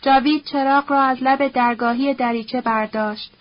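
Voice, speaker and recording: High-voiced woman reading a novel. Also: fairly even intonation. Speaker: audiobook narrator. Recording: dull lo-fi recording.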